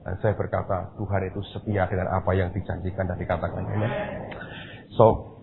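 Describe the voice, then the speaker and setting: Middle-aged male pastor from Indonesia, storytelling sermon, low-pitched voice; recording tinny with a faint hiss. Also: flat delivery, brisk, creaky. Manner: storytelling, addresses the congregation directly. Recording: tinny phone-like sound with faint noise.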